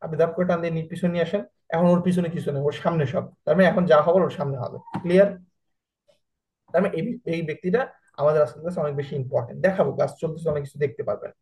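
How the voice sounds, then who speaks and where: A man with a Bangladeshi Bengali accent teaches a video editing class through screen sharing, speaking very fast in a slightly high, somewhat mellow voice on a low-quality recording. He's chatty, keeps asking students whether they're following, and mixes English words into his talk.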